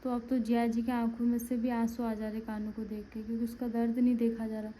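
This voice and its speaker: Woman with a Pahadi accent, fairly high voice, casual home vlog, faint background noise. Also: flat delivery, quick pace, warm tone, low-quality recording. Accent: Pahadi Hindi. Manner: talks to viewers, then coos to a baby. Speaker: family vlogger. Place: home, indoors.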